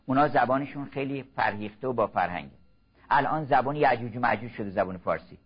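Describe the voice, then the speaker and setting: Older guy preaching slow and earnest, husky voice, dull lo-fi sound. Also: mid-range voice, lively intonation. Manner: slow, measured, exhorting. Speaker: religious lecturer. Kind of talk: sermon-style lecture. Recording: muffled lo-fi recording.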